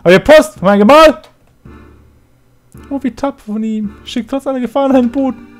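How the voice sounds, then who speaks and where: A man doing a shrill, haughty noblewoman. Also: brisk, faint music behind. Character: fretful noblewoman waiting for her husband.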